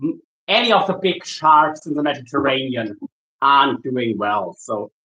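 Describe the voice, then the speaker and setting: A man from Germany, a shark angler chatting casually with viewers while he works, easygoing and halting, often restarting his sentences. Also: mid-range voice, sharp tone, low-quality recording. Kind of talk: casual livestream chat while working.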